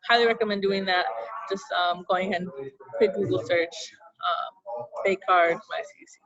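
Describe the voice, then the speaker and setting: A woman's voice: fairly low pitch, steady tone, moderate pace, lo-fi sound, a crowd in the background. A young woman, a student orientation leader, walks through campus web links in a chatty, upbeat way with lots of fillers, over a video call while hiccuping. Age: young adult. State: has the hiccups. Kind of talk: casual screen-share walkthrough.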